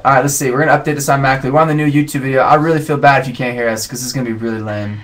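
Racing along in a medium-pitched, somewhat bright voice with fairly even intonation, the twenty-something streamer talks casually over his webcam mic. He's indoors in his home music studio, reading out viewer comments during the live stream.

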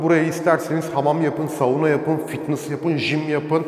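Man, real estate agent, high voice, promotional tour talk, heavy basement echo. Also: flat delivery, moderate pace, darkish tone. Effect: strong echo in an empty basement. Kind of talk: house tour walkthrough. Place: empty villa basement, indoors. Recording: echoey bare basement room.

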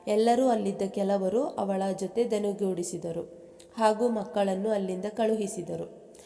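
A woman's voice: mid-range voice, a little slow, vocal fry. A woman narrating a love story aloud, speaking the characters' quoted lines in her own voice. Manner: reads aloud at an even pace, dropping into the characters' speech for quotes. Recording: long reverb.

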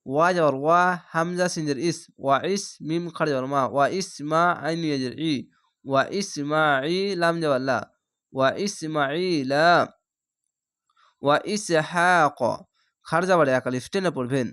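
Male teacher, spelled-out recitation lesson; patient, methodical, clear resonant tone. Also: on the high side, unhurried, fairly bright tone. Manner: patient, spells each letter and vowel, then blends the syllables. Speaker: Quran reading teacher.

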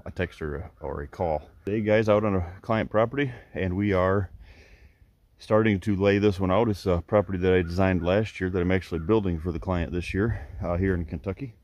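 Deep-voiced man rambling outdoors. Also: darkish tone, dry recording. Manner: loose, rambling, restarts sentences. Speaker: habitat consultant and channel host. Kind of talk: casual walk-and-talk vlog. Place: outdoors on a rural property.

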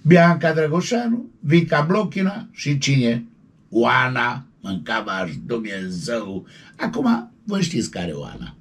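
A man delivers showbiz gossip in a loud, colloquial, excitable way, breaking into yelps. His voice is gravelly and husky, and his pitch leaps up and down constantly. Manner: excitable, colloquial, yelping interjections. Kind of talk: animated gossip commentary.

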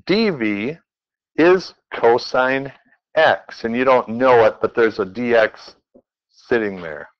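A man's voice: medium pitch, animated, slow pace. Playful male math teacher, lo-fi. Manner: playful, quizzing the class as he works problems. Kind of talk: classroom lecture. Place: classroom.

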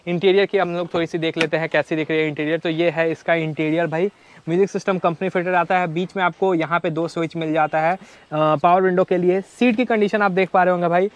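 This young adult male car vlogger has a higher-pitched voice, a steady tone, and a quick pace. Wearing a clip-on lapel mic, he chats through a casual showcase of cars at an outdoor used-car lot, slipping in English and addressing his audience as brothers.

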